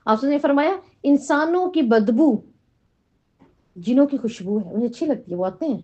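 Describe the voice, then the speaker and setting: A woman's voice: high voice, expressive, dark tone. A middle-aged woman teaching a Quran lesson to a class, often asking questions and checking in with "right?". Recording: dull lo-fi recording.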